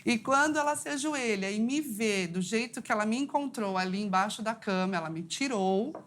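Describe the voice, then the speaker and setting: A psychologist appearing as a talk show guest, a woman shares a personal story with earnest, heartfelt sincerity. She sounds animated and speaks at normal speed, her pitch rising at the climaxes.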